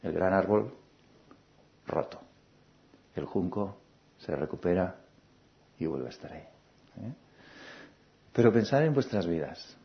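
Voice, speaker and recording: A man giving a calm, reflective spiritual talk, repeating phrases and asking gentle questions. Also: low voice, slow, gravelly, pauses often. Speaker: spiritual teacher. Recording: dull lo-fi recording.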